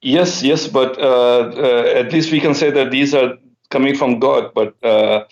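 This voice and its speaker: A man's voice: medium pitch, fairly even intonation, unhurried. A hesitant male caller on a dull line. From Switzerland. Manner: hesitant, many fillers and repeats. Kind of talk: phone-in debate.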